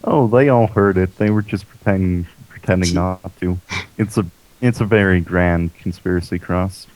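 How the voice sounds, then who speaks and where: Deep-voiced podcast guest guy cracking dry jokes. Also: moderate pace, a little mellow, poor audio. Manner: dry, teasing. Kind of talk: casual chat.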